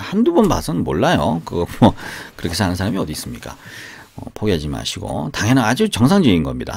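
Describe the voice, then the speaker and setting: A man's voice: lowish voice, creaky. A man teaching English in a casual, chatty way, often asking rhetorical questions and repeating phrases. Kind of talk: casual spoken English lesson with sung examples. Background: guitar.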